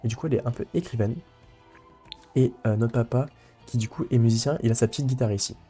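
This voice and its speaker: A man's voice: medium pitch, fast talker, dark tone, soft background music. A young man giving casual let's play commentary, rambling with lots of fillers and restarts.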